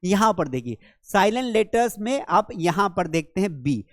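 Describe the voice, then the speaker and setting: A man's voice: sits high, very animated, moderate pace, no room sound, studio quality. A man with an Indian accent teaching an English lesson in Hindi, repeating words and quizzing the viewer like a classroom teacher. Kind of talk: classroom-style language lesson.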